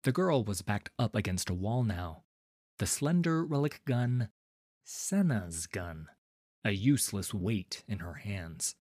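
A man reading a fantasy story aloud as narrator, with a dramatic, expressive delivery. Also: lowish voice, slow pace, no room sound, clean studio sound.

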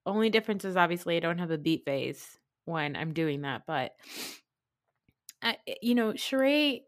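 Female podcast host, lowish voice, slight retainer lisp, chatty self-deprecating recap style. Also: animated, normal speed, dry recording, clean studio sound. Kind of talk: casual chatty reality-TV recap.

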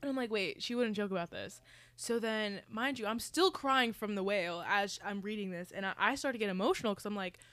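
A young woman co-hosts a casual podcast, telling lively stories punctuated by gasps and the odd swear for effect. Her medium-pitched voice is fairly quick with hardly any pauses, in a dry recording.

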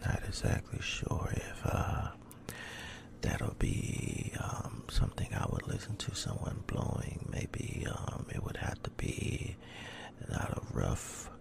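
A man speaking soft ASMR in a rough, deep, hushed voice that slips into whispering, slow and halting. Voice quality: deep, rough, breathy low voice. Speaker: ASMR video creator.

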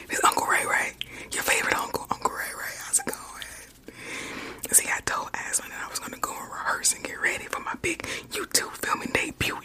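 A woman voicing a friendly, boastful streetwise uncle in an ASMR roleplay, whispering softly, with lots of slang and repeated words. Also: close to an everyday voice. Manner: soft whispering, repetitive, slangy. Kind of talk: ASMR roleplay, bug-searching.

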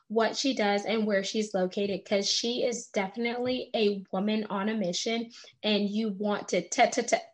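A woman hosting an interview podcast, upbeat and enthusiastic as she introduces her guest and asks questions. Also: medium pitch. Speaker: podcast host.

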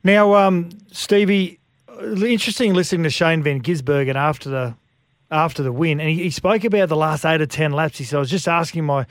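A man's voice: a little high, brisk, no echo, studio quality. An Australian man co-hosting sports radio, interviewing and bantering in a casual style. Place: radio studio.

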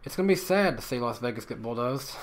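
A man's voice: mid-range voice, lively intonation, quick pace. A man hosting a casual live stream, reading viewer messages aloud and often stammering on repeated words. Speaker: podcast host reading super chats.

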